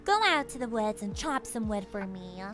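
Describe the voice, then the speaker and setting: A woman's voice: medium pitch, very animated, moderate pace, music in the background, close to an everyday voice. A woman voicing a father who sells wood and gives blunt orders. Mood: bossy. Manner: blunt commands.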